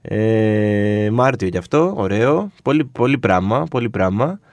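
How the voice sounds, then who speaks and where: A man's voice: fairly low pitch, animated, a little mellow, no room sound. A man co-hosting a podcast, chatting casually about new TV series with many fillers and easy laughter. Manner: chatty, laughs easily, lists shows with fillers. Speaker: podcast co-host.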